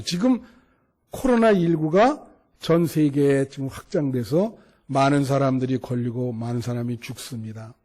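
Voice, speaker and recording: A male pastor preaching a sermon, acting out the story and asking the congregation for responses. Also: high-pitched. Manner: animated storytelling, acting out the scene.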